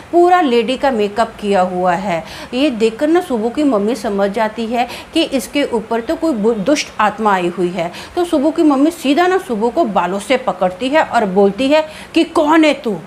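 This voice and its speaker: A woman with a high voice tells a spooky tale in lively, dramatic narration. Her storytelling is animated, and faint ambient noise sits behind her. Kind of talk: spoken horror storytelling.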